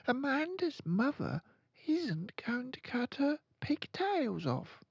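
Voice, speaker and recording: A man's voice: very high voice, sing-song, takes it slowly, gravelly, slightly rough, no echo, muffled recording, pitched above the performer's own voice, exaggerated voice. A man voicing an indignant, wide-eyed young schoolgirl in a storybook, with exaggerated, questioning delivery. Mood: curious.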